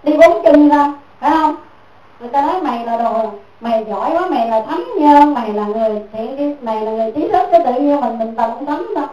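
A woman's voice: high-pitched, brisk, dark tone, muffled recording. A woman giving a Buddhist dharma talk as a teacher, repeating her points and asking listeners "right?" again and again. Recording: echoey room, mic far off.

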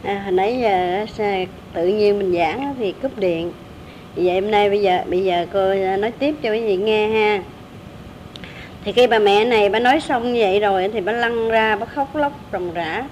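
A woman's voice: normal speed, a little mellow. A woman with a Southern Vietnamese accent preaching a Buddhist story in a conversational way, often saying "đó" and "á". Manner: conversational, with fillers like "đó" and "á". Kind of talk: sermon storytelling. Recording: echoey room, distant mic, faint rumble.

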